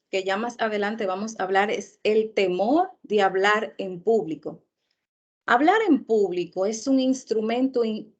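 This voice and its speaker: Woman, public speaking teacher, slow measured pace, repeats key words, online lecture. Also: mid-range voice. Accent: Latin American Spanish. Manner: slow, deliberate, repeats key terms for emphasis.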